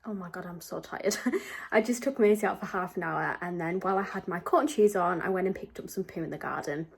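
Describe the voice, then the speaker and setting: A woman's voice: on the low side, a little fast, gravelly, slightly rough. A woman chatting casually into her camera for a vlog, rambling with plenty of ums. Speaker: vlogger. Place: outdoors on a walk, then at home.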